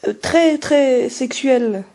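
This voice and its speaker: A woman playing an earnest television culture interviewer in a parody, asking questions in a polite, hesitant, deadpan way. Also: high voice, very slow, exaggerated voice. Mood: deadpan probing.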